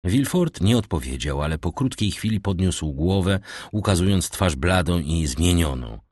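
A man narrating a classic novel in a measured, dramatic storytelling manner. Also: deep voice, expressive, a little mellow, no echo, clean studio sound. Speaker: audiobook narrator. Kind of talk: scripted narration.

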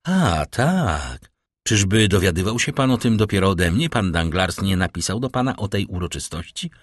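A man reading an audiobook, voicing a calm, worldly count who speaks with measured irony. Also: low voice, no echo, studio quality. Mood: ironic. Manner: cool, measured, ironic. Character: calm, ironic, worldly older nobleman count.

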